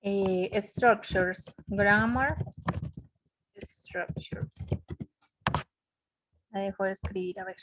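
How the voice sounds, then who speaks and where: A woman's voice: medium pitch, fairly even intonation, very slow, pauses often, background noise. A woman teaching English grammar in an online class, explaining step by step and checking in with her students. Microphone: computer mic in a web conference.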